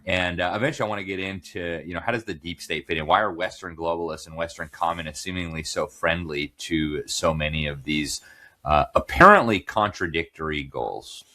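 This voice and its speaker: Male interview host, deep and bright-toned, loose conversational delivery with fillers. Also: fairly quick. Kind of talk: political interview.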